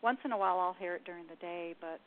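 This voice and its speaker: A woman's voice: lowish voice, rapid-fire. A woman calling in to a radio show over the phone, hesitant and trailing off mid-sentence. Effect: caller heard over a phone line. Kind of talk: call-in reading. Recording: tinny phone line with faint hiss.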